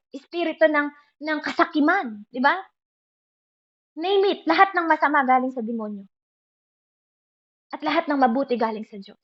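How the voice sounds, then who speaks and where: Higher-voiced woman preaching a sermon. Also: muffled recording. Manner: speaks in Filipino mixed with English phrases, asking the listeners for agreement often.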